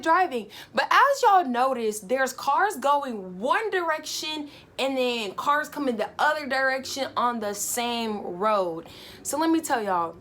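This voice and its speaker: A woman's voice: on the high side, slight background noise. Chatty young woman telling a story. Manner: animated, chatty, full of fillers. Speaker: vlogger. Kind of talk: casual storytime vlog.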